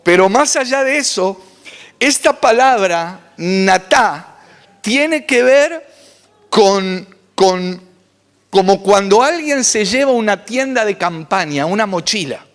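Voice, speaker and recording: A man preaches in a high, animated voice that rises and falls widely. His sermon rings with a long reverb from a church hall. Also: slow. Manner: animated preaching with dramatic pitch swings. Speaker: pastor.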